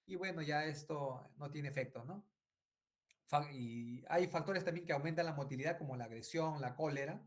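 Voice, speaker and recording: A man's voice: fairly high pitch, normal speed. A middle-aged man giving an online medical lecture, repeating phrases and asking "right?" often. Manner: frequent tag questions and fillers.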